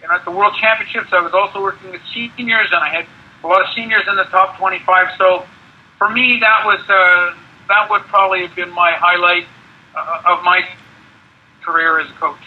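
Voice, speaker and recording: High-voiced older man recalling a coaching career, muffled. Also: steady tone, brisk, husky. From Canada. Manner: rambling with many restarts and repeated words. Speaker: guest, ski area manager and former cross-country ski coach. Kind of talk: conversational interview.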